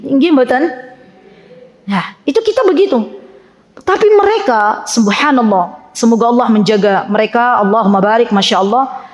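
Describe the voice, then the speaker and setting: A woman preacher giving a lively religious lecture to women, often asking her listeners questions. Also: a little high. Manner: lively, animated, talks directly to her audience with questions. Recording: echoey hall with long reverb.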